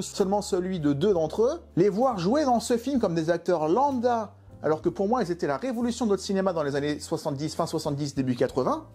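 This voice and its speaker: An exasperated man delivers an opinionated film review. His mellow voice swings up and down a lot as he throws out rhetorical questions, with faint music underneath. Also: high voice, breathy edge.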